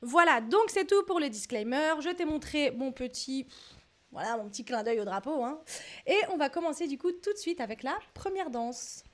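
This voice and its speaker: A woman's voice: high voice, lively intonation, moderate pace. A woman hosting a casual dance reaction vlog, chatty and exclamatory, talking with lots of fillers. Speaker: dance video host.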